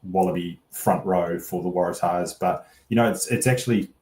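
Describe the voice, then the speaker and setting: A man's voice: deep voice, normal speed, a little mellow, a little hiss or hum. A man giving casual sports analysis as a pundit, in a hesitant, rambling way that circles around each point. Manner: hesitant, rambling, hedging delivery. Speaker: rugby betting pundit. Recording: echoey room.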